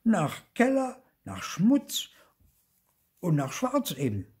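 A man voicing a small, whiny young boy ghost who pleads and wails in a high, slow voice. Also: wildly swooping pitch, darkish tone, husky, full character voice. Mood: insistent. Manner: pleading, wailing.

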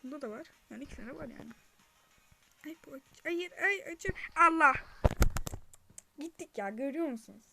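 A young woman talks through a video game in a high, bright voice, chatty and quick to shriek when something chases her. She keeps slipping into hushed whispers. A faint hiss of noise sits under the recording. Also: lively intonation, vocal fry. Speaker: gaming channel host. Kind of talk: casual gameplay commentary.

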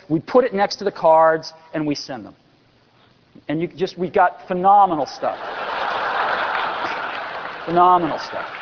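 A man in his forties giving an enthusiastic product keynote on a large convention stage, with dry sarcastic asides. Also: sits high. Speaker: company executive presenting on stage. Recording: dull lo-fi recording with long hall reverb.

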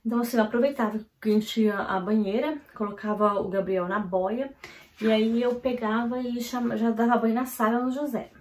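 A woman from Brazil, vlogging at home and telling a family story in a hurried, animated way, full of "então, assim" fillers. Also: fairly high pitch. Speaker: vlogger and mother. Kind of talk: casual storytelling to camera. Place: at home, indoors. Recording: roomy echo of a home room.

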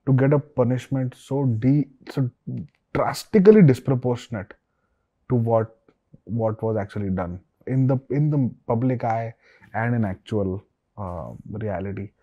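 A man's voice: medium pitch, measured pace, dull audio. A man in his forties with an Indian English accent, hosting a studio interview, agreeable and a little hesitant, with Hindi asides. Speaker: host. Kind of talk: conversational interview. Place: studio set with sofas.

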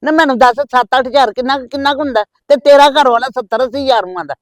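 A woman's voice: high-pitched, fast, no echo, far from the mic, close to an everyday voice. A middle-aged woman playing a scheming mother who scolds and nags her married daughter in a scripted family skit. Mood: scolding. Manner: nagging, scolding. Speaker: mother on the phone.

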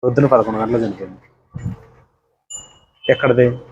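A man's voice: medium pitch, normal speed, a little mellow, breathy edge, lo-fi sound. A man interviewing a farmer in a conversational way, often repeating the farmer's answers back to him.

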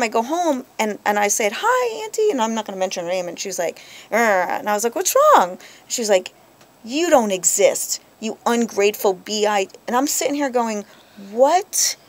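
A woman in her thirties hosting a radio talk show, venting and telling stories in a lively, chatty way. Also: fairly high pitch. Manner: animated storyteller, quick to vent. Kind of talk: casual chat.

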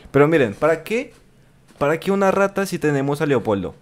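Over music, this young streamer with a Colombian accent reacts to a video in casual, joking commentary, sitting close to the arm-mounted studio mic in his bedroom setup. He talks a little fast and sounds very animated, his voice pitched a little high.

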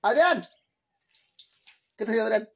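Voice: medium pitch, lively intonation, fairly quick, breathy edge. A person with a Mexican accent chatting on a phone livestream at home, profane and chatty, often laughing and bustling about. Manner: chatty and profane, keeps calling the audience "sisters"; loud and laughing, dashing around the house with the phone. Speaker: livestream host. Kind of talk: casual livestream chat.

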